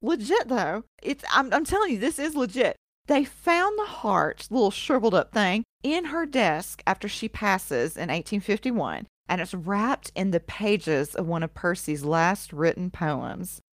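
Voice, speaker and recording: A woman's voice: mid-range voice, big pitch swings, measured pace, hardly any pauses, no room sound, clean studio sound. A woman co-hosting a podcast, telling a history story in a casual, profane way and laughing often. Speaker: podcast co-host.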